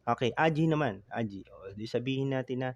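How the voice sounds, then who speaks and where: Male tutor, gravelly voice, casual explainer, dry lo-fi recording. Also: mid-range voice, brisk, no room sound. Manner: chatty, code-switching, frequent "no?" tag checks. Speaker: Japanese language teacher. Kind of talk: casual online lesson explaining grammar.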